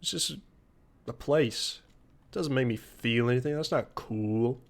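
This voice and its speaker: A young man streaming a game, joking around in casual commentary with sudden loud outbursts. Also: mid-range voice, a little slow, creaky.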